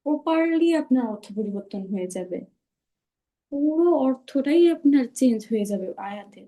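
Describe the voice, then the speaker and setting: Woman recitation teacher, patient, keeps checking understanding, mellow, pitched a bit high, video call. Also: lively intonation, normal speed. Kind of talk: online class explanation.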